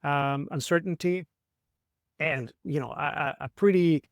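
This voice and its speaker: A middle-aged Chilean martial artist and trainer explains ideas reflectively in a conversational interview, often asking "right?". His voice is on the high side and unhurried, recorded dry in clean studio sound.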